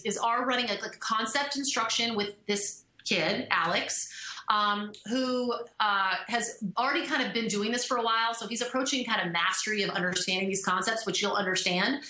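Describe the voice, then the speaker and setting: Bright-voiced woman lecturing in an echoey room. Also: a little high, moderate pace. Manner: loose, with fillers and restarts. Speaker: presenter. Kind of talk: lecture presentation.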